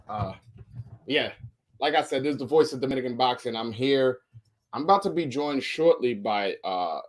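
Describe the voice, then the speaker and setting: A man hosts a casual boxing interview over a livestream. He talks loosely, often repeating words and restarting his sentences. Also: mid-range voice.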